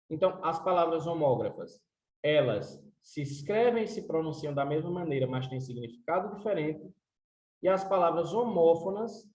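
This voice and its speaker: A man with a Brazilian Portuguese accent teaching a Spanish class, explaining slowly, repeating words and checking in with the class. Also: sits high, darkish tone, poor audio. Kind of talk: recorded class lesson.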